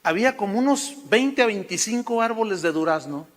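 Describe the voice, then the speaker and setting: A man's voice: high voice, lively intonation, a little fast, in a large hall. A man with a Mexican Spanish accent preaching a sermon, telling folksy stories and calling listeners "hermano". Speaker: pastor.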